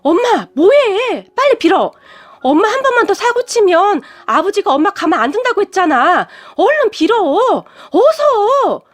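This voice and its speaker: A woman's voice: sits high, big pitch swings, quick pace, hardly any pauses, pitched above the performer's own voice. A woman voicing a desperate young woman who pleads and urges in a story. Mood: pleading. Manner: pleading, urgent.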